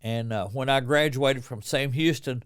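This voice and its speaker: A man's voice: mid-range voice, moderate pace, clean tone. An older man with a Texas accent and cowboy twang, telling stories casually as an interview guest.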